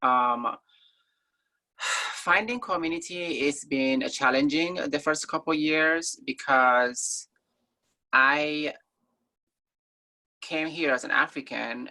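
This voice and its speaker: A woman's voice: rumbling low, bright, forceful tone. A woman from Somalia, a guest in a conversational interview, talking in an earnest, thoughtful way with frequent ums.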